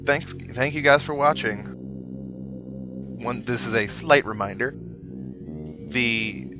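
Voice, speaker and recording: Speaking slowly in a mid-range voice, a let's play host muses aloud with casual, meandering, dry humor over his gameplay. The recording is dull and lo-fi, buried under loud game music.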